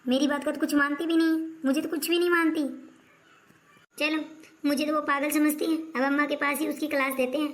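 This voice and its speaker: A woman with a high voice plays a doting mother-in-law in a homemade family skit. She praises and coaxes in a motherly way. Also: level tone, a little fast. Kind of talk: scripted family skit acting.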